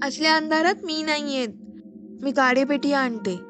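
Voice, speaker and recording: Scared little girl in a spoken story, high and whiny, easily spooked; a woman acts it. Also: moderate pace, music in the background, lightly acted. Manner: shrill, whiny and fearful. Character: timid, fussy little girl friend, easily frightened.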